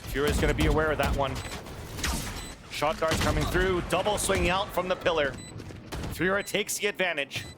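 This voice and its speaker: A man giving excited play-by-play esports commentary on a video game match, with game sounds around him. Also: a little high, normal speed, pauses often, heavy background noise. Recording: loud music and game sounds behind. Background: loud music, game sound effects.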